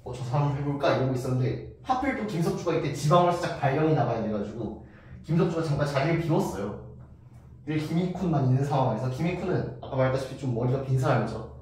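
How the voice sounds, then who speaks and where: A man's voice: mid-range voice, lively intonation, fast talker, a little mellow, slight background noise. A man giving a casual storytelling history lecture, chatty, acting out quotes along the way. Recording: very echoey room, voice from far off.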